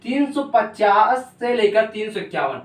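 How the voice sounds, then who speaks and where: A man's voice: high-pitched, lively intonation, measured pace. A young man teaching a civics lesson in a casual, chatty way, often checking in with his students. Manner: casual, chatty, keeps asking "ठीक है", jokey examples. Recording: echoey room, voice from a distance.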